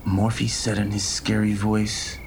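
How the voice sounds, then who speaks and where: A man in whispered role-play storytelling, recounting events in a slow, whispered first-person voice. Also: on the low side, flat delivery, gravelly, a little hiss or hum.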